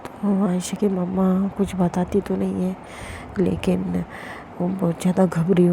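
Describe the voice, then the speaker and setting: A woman's voice: fairly low pitch, monotone, unhurried, gravelly, warm tone, a little hiss or hum. A woman narrating a love story in a casual, conversational way, quoting the characters' lines in her own voice. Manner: retells dialogue plainly without voicing characters.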